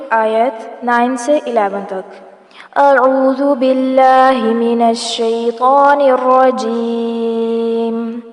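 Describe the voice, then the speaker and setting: A woman teaching Quran recitation, giving brisk explanations between slow, drawn-out recited verses. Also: high-pitched, darkish tone. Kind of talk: tajweed lesson, explaining and reciting. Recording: echoey room with long reverb and faint music.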